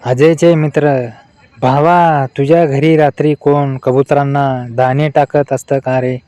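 A man reading out a string of short adult jokes in a flat delivery. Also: medium pitch, unhurried, noisy background. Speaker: joke narrator.

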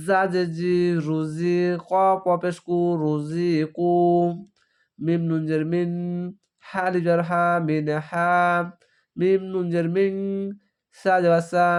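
A man's voice: high voice, smooth. A man with a Bangladeshi Bengali accent teaching Quran reading, spelling out each letter and vowel mark aloud, then blending the syllables. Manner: recites verses in a slow drawn-out chant. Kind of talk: slow spelling-out recitation lesson.

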